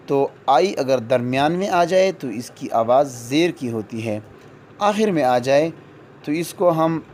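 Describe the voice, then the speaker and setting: A man teaching a lesson on vowel sounds, speaking slowly and repeating each example word, then spelling it out. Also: a little high, a little mellow, slight background noise. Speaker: English teacher.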